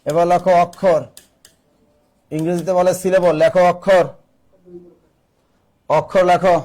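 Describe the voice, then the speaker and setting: Guy teaching a class, kinda high voice, keeps repeating stuff and asking questions. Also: level tone, unhurried, darkish tone. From Bangladesh. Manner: repeats key phrases, quizzes the class. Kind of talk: classroom lecture.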